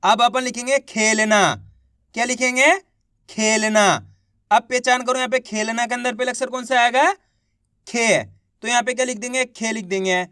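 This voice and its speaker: A man's voice: high voice, pushed and bright, clear, resonant tone, dry recording, studio quality. A man teaching an online spelling lesson, repeating each word and quizzing the viewers patiently. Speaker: Hindi teacher.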